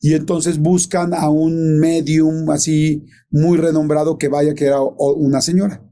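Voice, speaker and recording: A man's voice: on the high side, level tone, unhurried, mellow. A man telling a ghost story in casual chat, rambling with many fillers and self-corrections.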